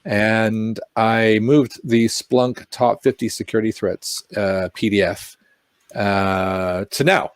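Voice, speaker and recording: Brief: man, lower voice, animated and jokey tech co-host, dry close mic. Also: slow, no room sound. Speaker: podcast co-host. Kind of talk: casual tech chat.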